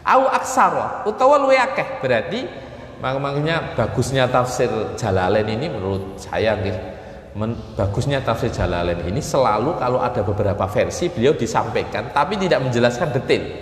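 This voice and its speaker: East Javanese male Quran teacher, lively pitch, echoey mosque lecture hall. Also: normal speed, slight background noise. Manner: lively, swoops from low asides to high emphatic phrases; switches into Javanese word-by-word gloss readings.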